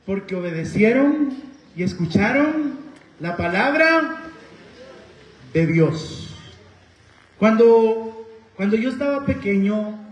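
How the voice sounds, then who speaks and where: Honduran male preacher, very high voice, slow, questioning, echoey church room. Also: animated. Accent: Honduran Spanish. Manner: asks the congregation questions, tells personal stories. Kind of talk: sermon. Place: church hall.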